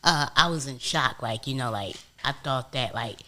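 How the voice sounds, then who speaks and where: A man, a guest on a casual couch interview, telling stories in an animated way with street slang. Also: mid-range voice, moderate pace.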